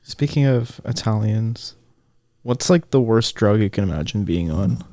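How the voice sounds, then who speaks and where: A man's voice: fairly low pitch, lively intonation, a little slow, warm tone. A young man co-hosting a podcast in casual chat, laid-back and hesitant, often repeating himself. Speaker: podcast co-host.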